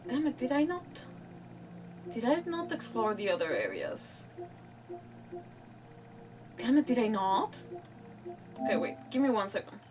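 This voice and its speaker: A female gaming streamer with a mid-range voice rambles through casual, self-deprecating gameplay commentary. Her mic sounds slightly distant, with faint music and some background noise behind her.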